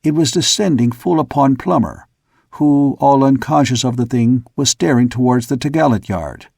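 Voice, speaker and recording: A man narrating an audiobook in a steady storytelling manner. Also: mid-range voice, moderate pace, gravelly, slightly rough, no echo, clean studio sound. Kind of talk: scripted narration.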